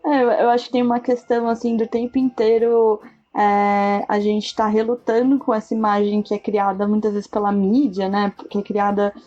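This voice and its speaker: A woman's voice: mid-range voice, level tone, normal speed, warm tone, lo-fi sound, faint music behind. A woman with a Brazilian accent co-hosting a podcast chat, thoughtful and hesitant, with many restarts. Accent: Brazilian Portuguese. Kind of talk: casual chat.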